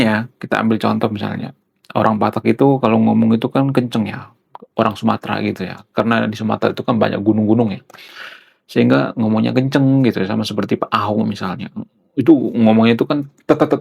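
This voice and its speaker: A man's voice: on the low side, creaky, breathy edge. A man talking casually to camera, explaining things with rhetorical questions and frequent tag fillers. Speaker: vlogger explaining culture.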